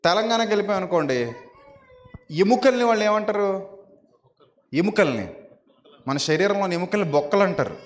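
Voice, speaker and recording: A man's voice: high voice, animated, normal speed, pauses often. A male pastor from the Godavari region of Andhra Pradesh, preaching a sermon and pressing the congregation with repeated rhetorical questions.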